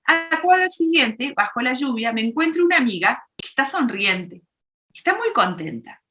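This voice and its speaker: A woman psychologist lecturing in a didactic way and walking her listeners through examples step by step. She speaks, and her voice is bright and a little high. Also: sing-song, normal speed. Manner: didactic, uses worked examples. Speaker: psychologist giving a public talk. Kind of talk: explanatory lecture.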